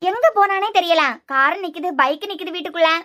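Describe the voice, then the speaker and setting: A shrill, bright-voiced cartoon grandmother with a Kanyakumari Tamil accent scolds and interrogates the family in rapid bursts. She is bossy and suspicious, as a woman voices her. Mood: questioning. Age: older.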